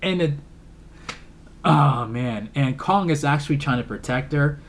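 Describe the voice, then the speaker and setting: A man's voice: a little high, a little fast, slight background noise. A man giving a casual film review, retelling the plot in a rambling way with lots of fillers and emotional asides. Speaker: movie reviewer.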